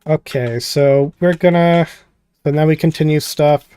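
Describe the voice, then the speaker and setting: A man with a higher-pitched, mellow, clean voice speaks unhurriedly with fairly even intonation, with no echo and soft music in the background. He's hosting a visual novel playthrough, giving casual, jokey, rambling commentary and reading the game text aloud, skimming it with filler words.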